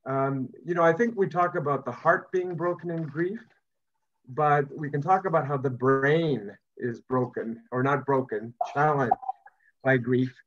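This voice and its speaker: A middle-aged male psychotherapist speaks at an even middling pitch, working through his ideas aloud. He hesitates and repeats small words as he goes. The call audio is dull and lo-fi. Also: unhurried. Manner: reflective, often restarting with small fillers. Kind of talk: remote talk to an online audience. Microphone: video call.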